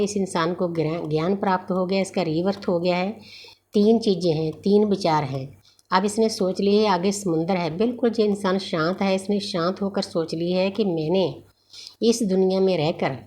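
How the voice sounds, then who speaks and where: A woman giving a spiritual tarot reading in a gentle, unhurried, reassuring way. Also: medium pitch. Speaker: tarot reader.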